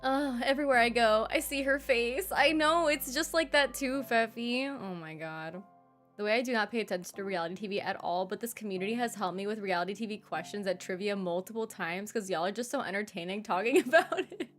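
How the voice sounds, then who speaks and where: A young woman streamer in casual, animated chat, reading her live chat aloud and laughing often. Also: mid-range voice, brisk, faint music behind.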